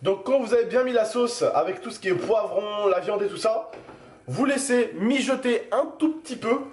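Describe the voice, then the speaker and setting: High-voiced man chatting in an echoey kitchen. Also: moderate pace, a little mellow. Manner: chatty, joking, addresses viewers directly. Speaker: cooking video host. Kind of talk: casual cooking demonstration. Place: home kitchen. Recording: roomy kitchen with frying noise. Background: sizzling pan.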